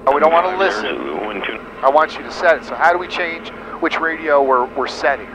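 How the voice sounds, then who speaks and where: Speaking a little fast in a fairly high voice, a middle-aged American flight instructor talks a student through things step by step, hands-on, from the cockpit of a small airplane in flight. His aviation headset captures the audio along with the engine noise.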